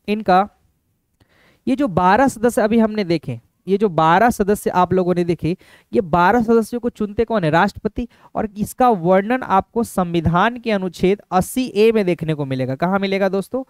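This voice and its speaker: A man teaching an exam-prep video lesson, repeating each point and asking viewers quick rhetorical questions. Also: high voice, smooth, no room sound, studio quality. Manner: calls viewers friends.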